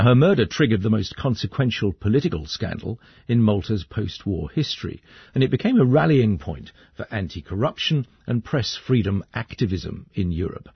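A man hosting a radio current affairs programme, measured and conversational with occasional hesitations. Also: fairly low pitch, vocal fry, breathy edge, dry recording, highs cut off. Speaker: radio host.

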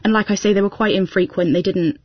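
A woman's voice: mid-range voice, steady tone, quick pace, breathy edge, no room sound. A young woman speaking as an interview guest, telling her experience in a reflective, plain-spoken way. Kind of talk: personal account in an interview. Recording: dry, dull-sounding recording.

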